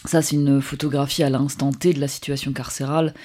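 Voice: medium pitch, little pitch movement, fairly quick, darkish tone. A radio co-host in the studio who asks questions and explains. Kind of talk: radio talk segment.

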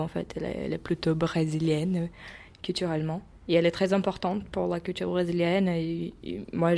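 Hesitant woman of Brazilian origin, lowish voice. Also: vocal fry, mellow. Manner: hesitant, many restarts and fillers. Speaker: interviewee, member of a cultural group. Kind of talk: casual interview answers.

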